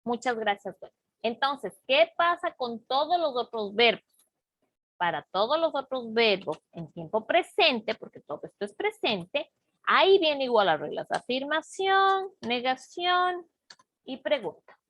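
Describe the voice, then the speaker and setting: A woman teacher walks her class through grammar at an unhurried pace. Her voice sits a little high. She keeps checking that everyone follows, and the recording is dry and close. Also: sing-song, fairly bright tone, dry recording. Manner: slow, patient explaining with frequent check-ins. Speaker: English teacher. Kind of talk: online class lesson.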